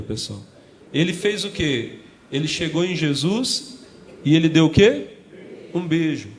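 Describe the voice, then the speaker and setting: A pastor with a Brazilian Portuguese accent and a fairly high voice preaches in a church, calling out to the congregation and joking with them between points in lively call-and-response. The poor recording sounds roomy, with slight background noise.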